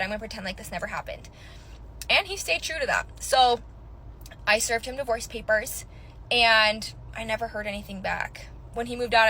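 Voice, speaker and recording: Casting: female personal vlogger, Utah American accent, bright crisp-edged tone, chatty casual storytelling, some background noise. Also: mid-range voice, rough recording. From Utah, United States. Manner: chatty, many "like"s.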